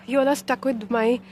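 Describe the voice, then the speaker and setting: A woman's voice: medium pitch, mellow, a little hiss or hum. A young woman with an Indian accent chatting casually in a vlog, switching between English and Hindi, recorded on a phone held at arm's length outdoors. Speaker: vlogger. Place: walking outdoors and on a rooftop terrace.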